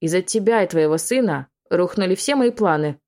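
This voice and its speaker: A woman's voice: on the low side, lively intonation, fairly quick, a little mellow. A woman voicing a haughty, scheming young witch who drawls scornful threats in a storybook reading.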